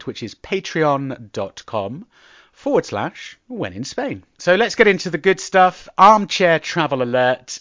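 A man's voice: medium pitch, a bit bright, no echo. Man, podcast presenter, conversational delivery, dry and slightly muffled recording. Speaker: podcast host. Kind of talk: presenter-style podcast introduction and interviewing. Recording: dull, close dry audio.

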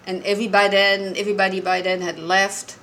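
A woman in her sixties, from Morocco, calling in to a show and telling a personal story earnestly and haltingly, often restarting her sentences. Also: mid-range voice, level tone, fairly bright tone, slight background noise, rough recording. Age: 60s. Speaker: caller.

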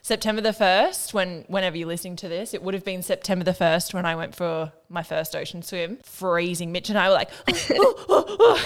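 A woman's voice: fairly low pitch, steady tone, a little fast, few pauses, clean tone. A woman co-hosting a podcast, chatting casually and candidly in very informal language. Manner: candid, informal with mild swearing. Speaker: podcast co-host. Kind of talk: casual chat.

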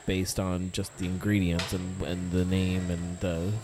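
A man's voice: sits low, monotone, a little slow. A man hosting a podcast in casual chat, rambling and correcting himself, laughing easily. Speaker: podcast host.

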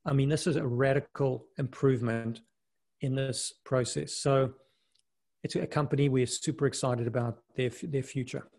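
As an interview guest, a middle-aged investment fund manager and mountaineer raised in South Africa talks casually and relaxedly, often restarting sentences and saying "you know." His voice is medium-pitched with vocal fry, at a normal speed.

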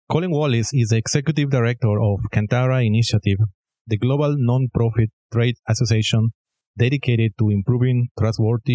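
Male podcast host, warm mellow tone, dry close sound, measured and formal. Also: medium pitch, dry recording. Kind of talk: scripted introduction and interview.

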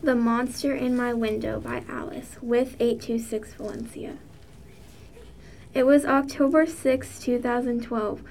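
Gravelly-voiced woman reading a story. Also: on the high side, a little mellow, slight background noise. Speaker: story reader. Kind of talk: reading aloud a short story.

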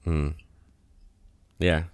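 A man's voice: extremely slow, no echo, clean studio sound. A young man hosting a podcast in casual chat, laid-back and prone to stammering restarts. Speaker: podcast host.

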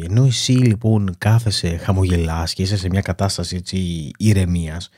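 Calm low-voiced man coaching on anxiety. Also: husky, no room sound, clean studio sound. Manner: calm, explanatory, steady teaching with lists and examples. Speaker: weight-loss coach. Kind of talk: self-help talk to camera.

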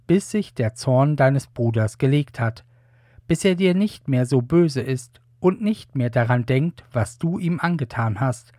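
Worried mother read by a man, earnest, slow. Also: a little high, darkish tone, no echo, studio quality. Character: anxious mother urging her son to flee.

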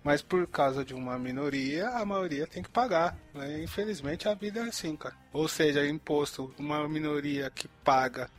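Young man, rambling slangy chat, slightly high voice, faint music. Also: expressive, moderate pace, hardly any pauses. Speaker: podcast co-host. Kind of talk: casual chat.

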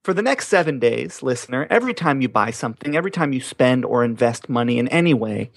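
A man's voice: mid-range voice, lively intonation, fast talker, creaky, dry recording. A man co-hosting a casual podcast who talks in an earnest, encouraging way with some hesitant restarts. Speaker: podcast co-host.

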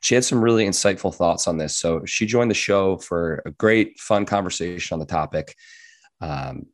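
A man with a hoarse, raspy, worn-out voice hosting a podcast in an informal, jokey, chatty way. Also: low-pitched, normal speed. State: hoarse, losing his voice. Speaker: podcast host. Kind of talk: casual podcast chat.

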